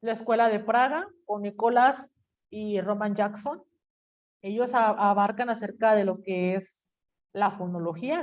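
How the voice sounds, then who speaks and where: A woman teacher, giving a lively classroom lecture and acting out what students might say. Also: medium pitch. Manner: animated, acts out student quotes. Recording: dull lo-fi classroom recording.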